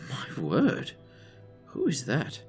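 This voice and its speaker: An actor playing an aging, courteous doctor and former soldier in a formal, dry manner for an audio drama. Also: male voice, medium pitch, wildly swooping pitch, slow, faint music behind. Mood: puzzled, wary.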